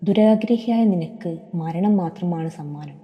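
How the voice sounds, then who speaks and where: A woman's voice: lowish voice, fairly even intonation, normal speed, dull audio, close to an everyday voice. A woman voicing a fierce, ancient female forest spirit who roars and menaces, in a storybook reading. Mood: roaring fury. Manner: roaring, menacing. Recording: long hall reverb.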